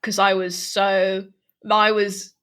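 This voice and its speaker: Bright woman with a stammer, chatting casually, laughs and agrees a lot. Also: mid-range voice, flat delivery, slow pace, clean tone. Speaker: podcast co-host. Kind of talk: casual chat.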